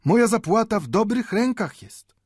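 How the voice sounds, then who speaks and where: A man's voice: medium pitch, big pitch swings, a little slow, breathy edge, no room sound, studio quality, pitched above the performer's own voice. A man voicing an old, proud and impassioned male bookbinder with a Yiddish-inflected accent, arguing with rhetorical questions. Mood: fervent. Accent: Yiddish-inflected Polish. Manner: pleading, rhetorical questions, rising to fervor.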